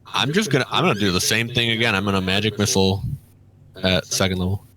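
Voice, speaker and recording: A man playing a tabletop game, joking and talking about his spells in lively banter. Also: on the low side, quick pace, a crowd in the background, rough recording. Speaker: player. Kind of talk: casual tabletop game chat.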